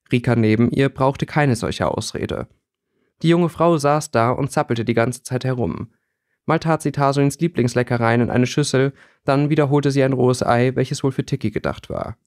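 A man narrating a fan fiction audiobook in steady storytelling. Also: mid-range voice, no room sound, clean studio sound. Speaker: audiobook reader. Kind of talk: scripted narration.

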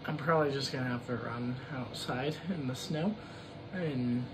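A young man talks casually to a camera set a short way off in a room at home. His voice is medium in pitch, with noticeable noise in the recording. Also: moderate pace. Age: 20s. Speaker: running vlogger. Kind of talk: casual vlog recap.

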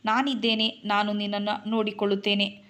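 A kind young man in a spoken storybook, gentle and reassuring, as a woman narrator reads him. The voice stays in an ordinary middle pitch. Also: flat delivery, fairly quick, lightly acted.

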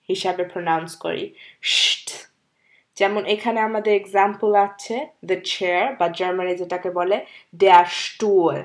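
Woman patiently teaching beginner German. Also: medium pitch. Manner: slow, repeats example words one by one, with fillers. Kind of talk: beginner language lesson.

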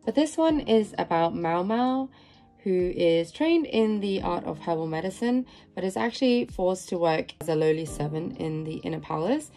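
A woman's voice: on the low side, moderate pace, dark tone, faint music behind. Nasal-voiced woman chatting through an unboxing. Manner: chatty and upbeat. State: nasal from a cold. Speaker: manga vlogger. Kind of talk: casual unboxing chat.

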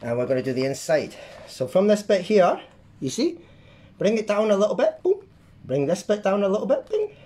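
Lively art-class host making sound effects. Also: medium pitch, fairly quick. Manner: lively, makes playful sound effects while drawing; keeps checking in with the viewer. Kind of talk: drawing lesson for kids.

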